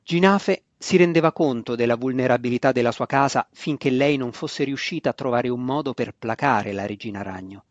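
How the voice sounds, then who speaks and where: A man reading a fantasy novel aloud in a steady, measured scripted narration. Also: medium pitch, no room sound. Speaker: audiobook narrator. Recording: dry, slightly dull lo-fi recording.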